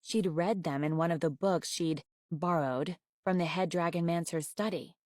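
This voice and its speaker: Lady reading a kids' book out loud, low voice, dry close sound, kinda wry. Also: moderate pace, dry recording. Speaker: storyteller. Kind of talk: reading a children's novel aloud.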